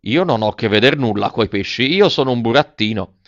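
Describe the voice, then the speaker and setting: A man's voice: lively intonation, fairly quick, no echo, close to an everyday voice. A man voicing a frightened, tearful wooden puppet boy with a whiny, pleading manner. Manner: whiny, pleading, high-pitched. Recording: dull, dry audiobook recording.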